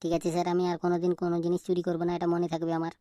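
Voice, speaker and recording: A woman's voice: fairly low pitch, completely flat delivery, very fast, dark tone, a little hiss or hum, close to an everyday voice. A woman voicing a timid, guilty schoolboy in a cartoon, stammering and pleading in fear. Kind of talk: cartoon voice acting.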